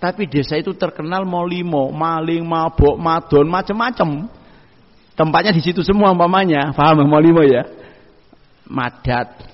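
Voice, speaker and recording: A man's voice: on the high side, moderate pace. A man preaching a sermon, giving homely advice and quoting Arabic. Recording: dull echoey hall.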